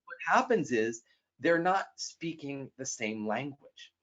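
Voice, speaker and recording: Guy talking about personality types, super lively voice, acts out people, kinda muffled lo-fi audio. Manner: animated, acts out quoted people with quick jumps in pitch. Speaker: speaker on personality styles. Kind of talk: lively talk with a guest. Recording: dull lo-fi sound.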